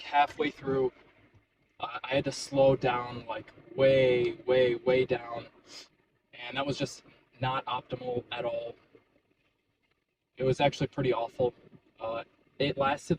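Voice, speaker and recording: A man's voice: mid-range voice, darkish tone, a little hiss or hum, poor audio. A man talking casually and a little hesitantly to his vlog audience, in a conversational solo style. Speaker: running vlogger.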